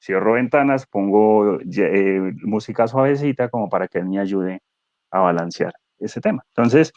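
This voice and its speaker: Animated man explaining on a dull call. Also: fairly low pitch, measured pace, no echo. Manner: animated, explanatory, with rhetorical questions. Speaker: guest speaker, neuro-coach. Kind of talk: conversational webinar talk.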